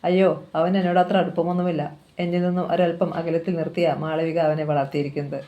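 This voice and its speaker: A coy, fawning older aunt with a greedy streak, voiced by the narrator of the novel. The delivery is mellow and dark, in a plain audiobook reading. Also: mid-range voice, little pitch movement, fast talker, lo-fi sound, close to an everyday voice.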